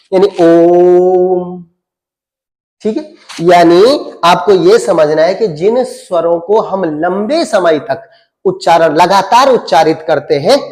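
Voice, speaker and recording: Male grammar teacher, Uttarakhand accent, high voice, quizzing style, stretches vowels. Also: a little mellow. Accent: Uttarakhand Hindi. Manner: quizzes listeners, answers his own questions; draws out vowels to demonstrate them. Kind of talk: classroom-style lesson with questions and answers.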